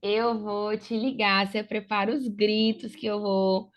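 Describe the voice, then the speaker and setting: A woman student in a tutoring session, chatty and eager, thinking her answers through out loud. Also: medium pitch, flat delivery, a little slow. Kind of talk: asking questions in a tutoring session.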